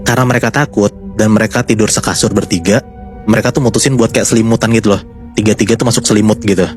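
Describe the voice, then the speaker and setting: A man's voice: lowish voice, fairly even intonation, quick pace, faint music behind. A man casually telling a horror story to his co-hosts, chatty and building suspense. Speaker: storyteller host.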